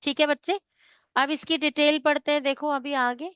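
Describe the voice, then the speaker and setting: High-voiced woman teaching class. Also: steady tone, moderate pace, a bit bright, no room sound, lo-fi sound. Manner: mixes Hindi and English, checks students often. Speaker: science teacher. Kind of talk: online class lecture.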